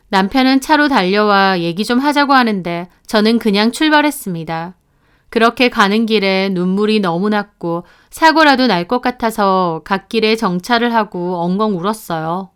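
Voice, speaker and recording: A woman reading a dramatized first-person story aloud, voicing every part herself and dropping to a low, somber hush for the sad passages. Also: clean tone.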